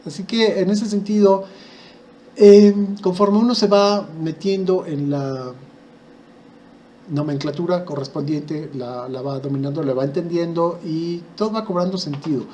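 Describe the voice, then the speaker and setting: A Mexican-accented man gives an explanatory video lesson in a voice pitched a touch above average. He walks through each point patiently, asking himself questions and filling pauses with soft hesitations. A faint hiss sits under his voice. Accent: Mexican Spanish. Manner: patient, explaining step by step with rhetorical questions and frequent "eh" fillers. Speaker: Russian language teacher.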